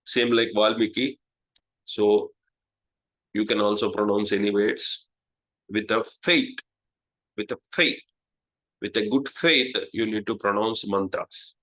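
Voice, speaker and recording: A man with an Indian English accent, whose first language is Telugu, hosting a casual spiritual talk and pausing often with "uh" and "okay". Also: lowish voice, a bit bright, poor audio. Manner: slow, halting, many "uh" and "okay". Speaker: astrologer, channel host.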